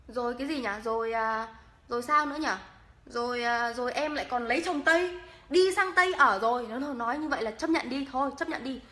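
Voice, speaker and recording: High, bright-voiced playful woman vlogger. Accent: northern Vietnamese. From northern Vietnam. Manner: playful and teasing, laughs often. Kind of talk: casual makeup vlog chat.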